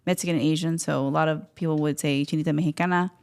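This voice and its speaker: A woman in her forties from Thailand, a business coach answering interview questions in a brisk, upbeat, eager way. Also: deep voice, steady tone, darkish tone, clear, resonant tone. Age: 40s.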